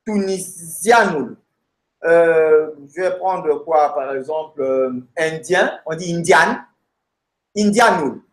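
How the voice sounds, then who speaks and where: A man teaching a language lesson from a textbook, addressing the student directly and pausing with fillers as he searches the pages and repeats word endings. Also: a little high, reverberant. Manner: halting, many fillers and repeated words while searching pages. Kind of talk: recorded lesson, talking through a textbook.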